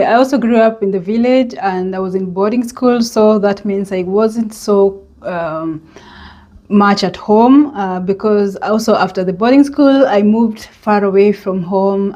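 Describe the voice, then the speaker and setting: A woman from Kenya with a Kenyan accent, talking in a reflective personal vlog and pausing often to think. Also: mid-range voice, mellow, muffled recording. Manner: unhurried and reflective, with many hesitant pauses and fillers. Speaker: vlogger.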